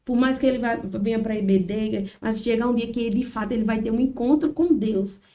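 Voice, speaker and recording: A woman shares a lively church testimony as a podcast guest. Her voice sits a little high but soft and mellow. She is picked up from a distance, away from the mic. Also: a little fast, muffled recording. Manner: animated storytelling, acts out quotes. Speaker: guest, children's ministry worker. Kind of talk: testimony in casual chat.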